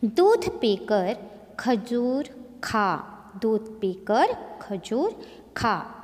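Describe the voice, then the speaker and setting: A woman's voice: mid-range voice, darkish tone, big-room sound. A woman teacher giving a recorded lesson to young children, drawing out and stressing sample words for the class to copy. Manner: slow, drawn-out pronunciation of sample words; stresses vowel sounds, repeating words for drill. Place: school classroom.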